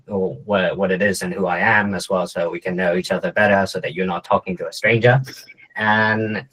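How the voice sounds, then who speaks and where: A young Vietnamese man in his twenties, a startup co-founder appearing as a guest speaker, gives students a casual, joking presentation full of fillers and restarts. His voice sits low with a fairly bright tone, in a rough recording.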